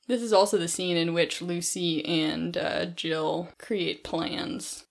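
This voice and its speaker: A woman's voice: fairly low pitch, steady tone, slow, vocal fry. A woman co-hosting a podcast, chatting casually about an audio drama and laughing often as she recaps it. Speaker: podcast co-host.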